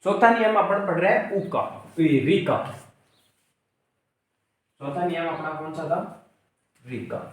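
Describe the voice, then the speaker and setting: A man's voice: fairly high pitch, lively intonation. Man teaching grammar in an echoey room. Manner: repeats questions and answers them himself; spells out word parts slowly. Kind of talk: exam-prep grammar lesson. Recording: very echoey room, distant mic.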